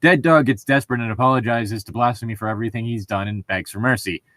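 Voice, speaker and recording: Speaking quickly in a medium-pitched, slightly bright voice with no echo, a man jokes his way through reading tabletop gaming stories. The talk is relaxed group banter, full of amusement and swearing.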